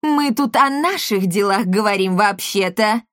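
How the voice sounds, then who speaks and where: A woman voicing a hot-tempered wealthy mother with loud, shrill outbursts. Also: lively intonation, measured pace, no room sound, clean studio sound. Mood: angry.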